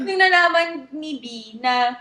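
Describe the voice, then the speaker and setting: Young filipino actress, super high voice, bouncy giggly storytelling, roomy echo. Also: female voice, animated, slow, bright, forceful tone. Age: young adult. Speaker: guest actress. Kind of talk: casual Taglish chat.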